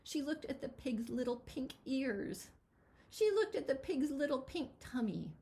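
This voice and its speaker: Speaking expressively to children, a picture book author gives a chatty introduction before an animated read-aloud, emphasizing key words. Her high voice is warm and husky, and she's in no hurry.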